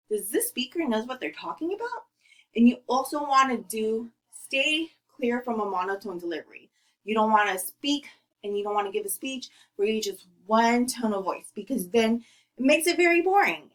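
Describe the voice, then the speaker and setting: A woman giving an informal presentation speech on public speaking, talking in a chatty way with many fillers and restarts. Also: on the high side. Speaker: student presenter.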